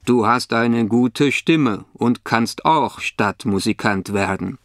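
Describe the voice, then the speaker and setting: A man's voice: medium pitch, slow, no room sound, studio quality. A man voicing a friendly, helpful donkey in a children's storybook, with a kindly, coaxing delivery.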